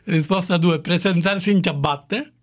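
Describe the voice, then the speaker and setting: A man's voice: sits high, moderate pace. An actor playing a comic, boorish know-it-all who gives absurd etiquette lessons in a radio sketch, insistent and stumbling over his words. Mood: pompous, insistent. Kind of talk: improvised radio comedy sketch.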